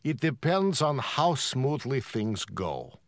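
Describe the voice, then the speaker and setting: A slow-spoken prime minister. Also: male voice, mid-range voice, big pitch swings, no room sound, studio quality. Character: male prime minister giving a calm interview. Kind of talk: scripted dialogue for a language lesson.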